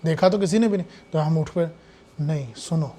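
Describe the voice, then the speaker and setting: A man delivers a sermon, moving between quiet asides and loud, fervent lines full of rhetorical questions. His voice sits on the high side.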